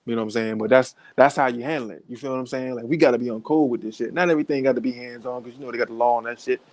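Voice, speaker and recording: A vlogger, at home with his young son, rattles off a story to camera in a casual, profane way, frequently laughing and addressing viewers directly. His voice is medium-pitched and darkish with fairly even intonation, and the audio is poor.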